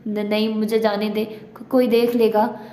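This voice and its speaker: Timid young heroine, stammering and anxious, flat dark delivery in an echoey room, read by a woman narrator. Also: a little high, moderate pace, lightly acted. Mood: frightened. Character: shy timid young woman, easily flustered.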